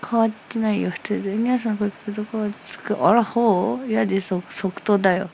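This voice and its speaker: A woman's voice: medium pitch, steady tone, fairly quick, vocal fry, a little mellow, muffled recording, slight background noise. A woman hosting a casual livestream from her phone, reading viewer comments aloud and answering with playful, teasing replies. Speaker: livestream host.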